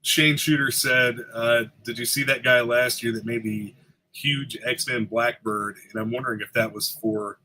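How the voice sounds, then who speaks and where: A man's voice: mid-range voice, fairly even intonation, a little slow, bright, forceful tone, slight background noise, rough recording. A man hosting a casual live stream, easygoing and hedging, reading out viewer comments. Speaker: host.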